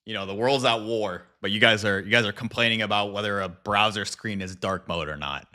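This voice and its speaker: A man's voice: lowish voice, fairly even intonation, brisk, sharp tone. A man livestreaming in a casual chat with viewers, speaking informally with slang and some swearing. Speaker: live streamer and video creator.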